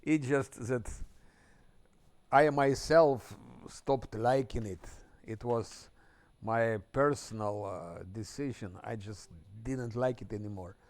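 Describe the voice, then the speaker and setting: Slow-talking male streamer chatting casually. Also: medium pitch, a little mellow. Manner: unhurried, thinking aloud, chuckles often. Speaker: game streamer. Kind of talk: casual live-stream chat while playing.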